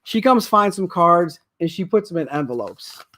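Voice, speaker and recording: A man's voice: high-pitched, animated, normal speed, bright, forceful tone. A man in his thirties hosting a sports card livestream, rambling and emotional in casual chat. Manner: rambling, emotional, repeats himself. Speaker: sports card breaker host.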